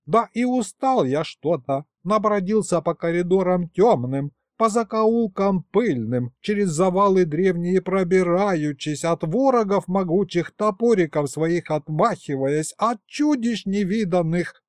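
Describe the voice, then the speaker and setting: A man's voice: sits high, animated, measured pace, few pauses, no echo, clean studio sound, pitched above the performer's own voice. A man doing a folksy old grandfather. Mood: folksy sly. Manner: folksy, old-fashioned speech. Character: old cunning grandfather ghost, folksy and sly.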